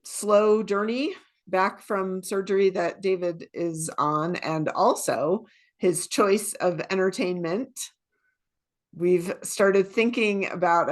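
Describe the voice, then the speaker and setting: Low-voiced woman co-hosting a podcast. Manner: thoughtful, steers the conversation with questions. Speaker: podcast co-host. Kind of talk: casual podcast chat.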